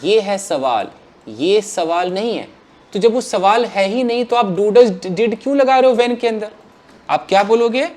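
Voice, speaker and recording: A man teaching English grammar to a class, asking questions and answering them himself in an animated way. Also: high-pitched, a little slow.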